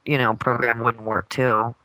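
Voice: medium pitch, level tone, unhurried, sharp tone, clear, resonant tone, no room sound, rough recording. A podcast co-host and parent in casual chat, giving short replies and asking curious questions.

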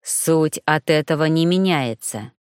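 A woman voicing a young male dark mage who speaks low, restrained and cold. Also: unhurried, clear, resonant tone, dry recording, clean studio sound. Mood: cold anger.

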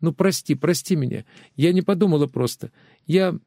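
A man voicing a tearful young wife who pleads with her husband, talking fast and breathless, in a dry close recording. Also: fairly high pitch, creaky, a little mellow, no echo, pitched above the performer's own voice. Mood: pleading.

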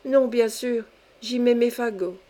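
An older peasant foster mother from a storybook, tender and exclamatory, her voice lifting a little high when she is moved, as a woman reader puts her on. She talks warmly and is quick to exclaim. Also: lightly acted. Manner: warm, exclamatory, easily moved. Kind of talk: audiobook character reading.

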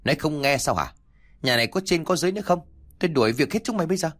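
A man voicing the cruel, scolding wives of a rich landlord, berating a servant in rapid bursts. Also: sing-song, a bit bright, slightly rough, exaggerated voice. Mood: shrieking. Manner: shrill, fast berating.

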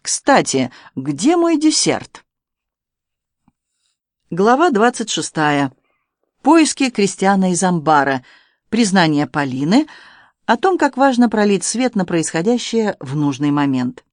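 Brief: steady audiobook narrator, mid pitch, dry close studio sound. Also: unhurried, dry recording. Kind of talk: scripted narration.

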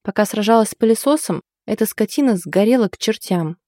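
A woman's voice: mid-range voice, animated, a little fast, dark tone, dry recording, studio quality, pitched above the performer's own voice, natural voice. A woman voicing a blunt young woman who swears and gossips, a hapless cook who grumbles at her own mistakes, in an audiobook. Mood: rueful. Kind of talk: audiobook character voice.

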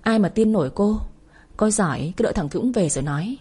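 A woman voicing a spiteful older mother-in-law who scolds, accuses and wails in a shrill voice. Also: lively intonation, fairly quick, dark tone, slightly rough. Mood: sneering.

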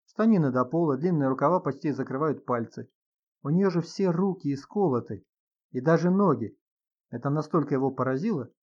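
A man's voice: medium pitch, darkish tone. Male audiobook narrator, dull lo-fi sound. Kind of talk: scripted narration.

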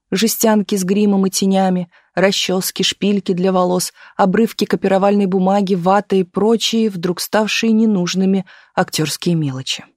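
An audiobook reader narrating a novel in a steady, even manner. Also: medium pitch, no echo, clean studio sound. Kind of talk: scripted narration.

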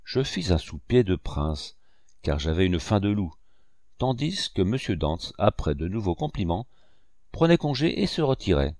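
A man reading a classic novel aloud as an audiobook narrator, with expressive storytelling. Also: sits low, normal speed, no room sound, studio quality. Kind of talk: scripted narration.

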